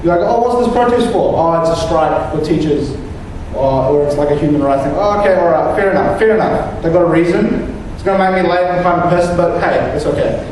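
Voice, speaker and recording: A man's voice: on the high side, fairly quick, few pauses, darkish tone, slight background noise. Casting note: young male comic from New Zealand, rambling set with many restarts, heard in a roomy hall with a long tail. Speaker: stand-up comedian. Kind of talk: stand-up comedy set. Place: comedy venue stage. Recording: echoey hall, mic picked up from a distance.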